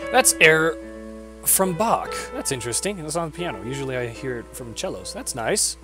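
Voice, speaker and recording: A man's voice: on the high side, big pitch swings, normal speed, over music. A man hosting a let's play, chatting and joking over the game's dialogue. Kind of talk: casual game commentary.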